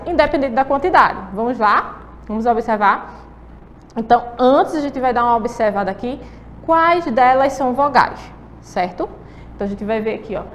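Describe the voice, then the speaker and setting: A woman's voice: fairly high pitch, in a large hall, a little hiss or hum. A woman teacher with a Brazilian Portuguese accent, giving a patient lesson to children and often checking that they follow. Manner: patient, drawn-out explaining with frequent checking questions.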